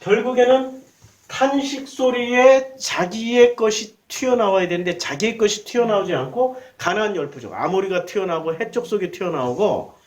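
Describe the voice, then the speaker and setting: Male pastor, high voice, lively talky sermon that keeps quizzing the pews. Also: normal speed. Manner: animated, conversational, quizzes the congregation. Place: church.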